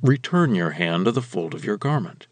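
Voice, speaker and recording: A deep, stern commanding god, as a man reads him. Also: sing-song, normal speed, no echo.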